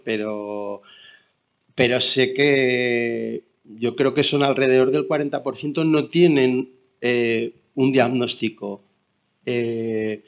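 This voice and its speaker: Male, Spain accent, slow and hesitant, medium pitch, subdued grief, unscripted personal testimony. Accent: Spanish from Spain. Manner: halting, searching for words, with many pauses. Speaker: bereaved father giving testimony. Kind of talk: spontaneous testimony at an online talk.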